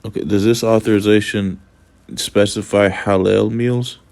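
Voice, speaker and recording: Guy calling customer service, croaky and kinda monotone, hesitant but keeps pushing. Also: on the low side, unhurried. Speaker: customer on a call. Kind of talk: customer service phone call.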